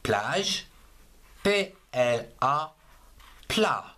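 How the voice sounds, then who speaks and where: A man gives a handwriting lesson for young children, sounding out each word one syllable and one letter at a time. He talks very slowly and deliberately. His pitch rises and falls in a lively, sing-song way. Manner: spells words syllable by syllable, patient and deliberate. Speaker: handwriting teacher. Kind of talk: slow spelled-out writing lesson.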